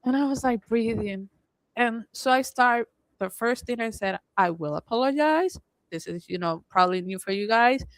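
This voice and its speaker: A woman from Puerto Rico with a Puerto Rican Spanish accent, co-hosting a casual podcast chat and telling animated stories, often laughing and acting out what she said. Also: on the high side, normal speed, no echo, low-quality recording. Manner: animated storytelling, laughs often, quotes herself. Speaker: podcast co-host.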